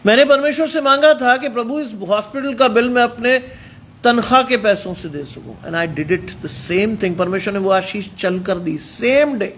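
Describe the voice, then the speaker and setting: High-voiced preacher, emphatic. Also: male voice, unhurried, fairly bright tone, slight background noise. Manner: mixes English phrases into emphatic preaching. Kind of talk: sermon.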